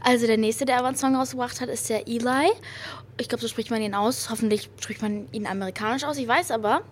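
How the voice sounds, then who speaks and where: Giddy, gushing young German woman, higher-pitched. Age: young adult. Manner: giddy, gushing, girlish excitement. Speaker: podcast host. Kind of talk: casual chatty pop-music podcast with youth slang and English phrases. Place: hotel lobby. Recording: clearly noisy room ambience.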